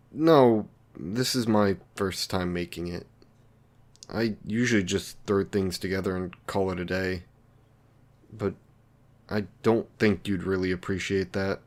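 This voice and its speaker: A man with a low-sitting voice plays an awkward, lonely villain in an intimate roleplay drama. The character is considerate, and he speaks hesitantly, apologetically, and politely.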